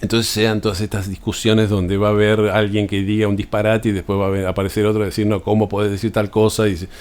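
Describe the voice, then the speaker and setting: A man's voice: on the low side, little pitch movement, fast, darkish tone, clear, resonant tone. A man with an Argentine accent, explaining astrology in an unscripted talk, often restarting phrases and adding tag questions. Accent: Argentine Spanish.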